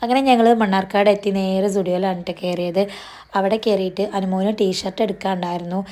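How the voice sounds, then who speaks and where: Woman vlogger, rapid chatty voice-over, slightly strained voice. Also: medium pitch, steady tone, dark tone. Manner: chatty, sprinkles tag particles, talks fast. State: voice strained after losing it. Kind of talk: voice-over narration of a shopping vlog.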